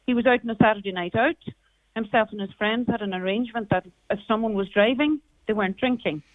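A woman's voice: mid-range voice, quick pace, no room sound. A middle-aged woman with a Donegal Irish accent, speaking as a radio interview guest and recalling personal experience. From Carrigart, County Donegal, Ireland. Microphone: phone call. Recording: narrow tinny phone line.

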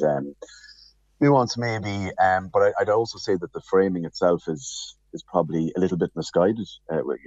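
The man's voice is low and mellow as he gives measured, hesitant commentary on the radio from his office. An alarm beeps behind him, and the remote link sounds husky, with muffled, echoey room audio, while he explains things carefully.

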